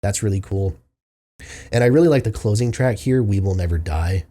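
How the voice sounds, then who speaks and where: A man with a low, dark voice and a husky, slightly grainy edge. He talks through an album review in a loose, unscripted way, thinking aloud with plenty of ums and likes. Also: normal speed. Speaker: music reviewer host. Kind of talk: casual album review monologue.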